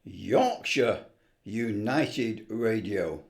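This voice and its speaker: Extremely slow and animated, with vocal fry in a lowish voice, a man guides viewers through a casual, unscripted screen tutorial. An amateur presenter and CB radio hobbyist, he rambles and talks to himself while he works.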